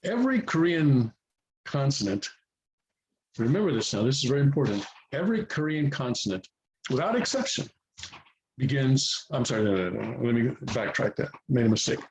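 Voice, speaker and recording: Here a male teacher explains Korean writing to beginners at a moderate pace, his mid-range voice swinging widely in pitch. The lesson is casual and improvised, patient and stepwise, with frequent pauses to find words and repetition for emphasis. The recording is low quality with slight background noise.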